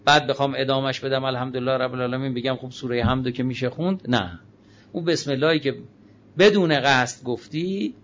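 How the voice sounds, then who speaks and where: Male cleric, religious lecture, mid-pitched, slightly dull recording with faint hiss. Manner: swings from emphatic raised phrases to quiet low asides, drawn-out sacred phrases. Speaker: Islamic cleric.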